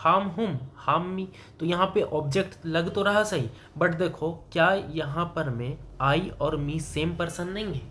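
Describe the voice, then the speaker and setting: A man's voice: fairly high pitch, slow pace, hardly any pauses, a bit bright, a little hiss or hum. A man teaching English grammar to a student, explaining in Hindi with English terms and asking questions that he often answers himself. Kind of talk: classroom grammar lesson.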